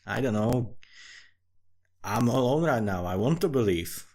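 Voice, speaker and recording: An amateur fantasy writer from a small Central European country records commentary with a Central European accent. His mid-range, darkish voice is expressive and a little slow as he delivers an informal, sweary monologue that drifts from thought to thought.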